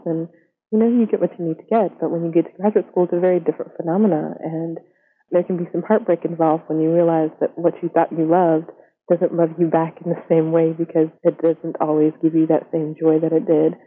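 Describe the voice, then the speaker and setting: A woman in her thirties with her voice electronically disguised, a research scientist answering interview questions candidly and earnestly, with frequent fillers. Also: fairly low pitch. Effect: voice electronically disguised for anonymity. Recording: tinny telephone line.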